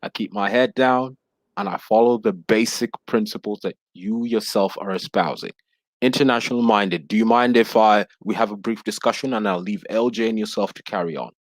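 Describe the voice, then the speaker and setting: A man in his thirties, a guest on a casual panel discussion held over video call, speaks earnestly and formally, frequently addressing others as sir. His voice is on the low side, at a normal speed, with no echo.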